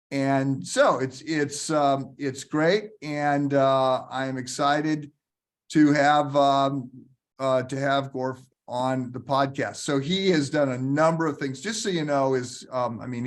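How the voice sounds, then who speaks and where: A man hosting a podcast, introducing his guest in a loose, rambling way with many fillers and restarts. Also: medium pitch. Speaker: podcast host.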